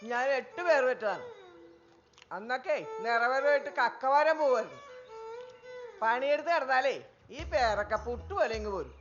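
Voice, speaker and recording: An actress playing a seasoned older village mother who lectures on childbirth in a lively, scolding way. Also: high-pitched, moderate pace, long pauses. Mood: lecturing. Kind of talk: film acting. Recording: dull film soundtrack with music.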